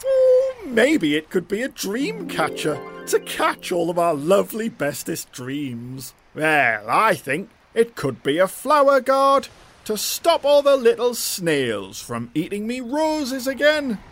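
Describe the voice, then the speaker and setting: A woman voicing an excitable, funny young pumpkin creature for a children's audio story, with a theatrical delivery. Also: medium pitch, slow pace, soft background music. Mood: eager. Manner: theatrical, wildly swooping delivery.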